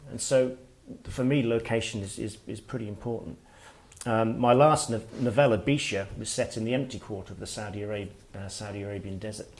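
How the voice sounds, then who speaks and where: A middle-aged Welsh author, appearing as a guest speaker, gives a workshop talk to listeners in a writers' workshop room, his voice somewhat low. He speaks reflectively and haltingly, pausing and restarting as he works out his thoughts aloud.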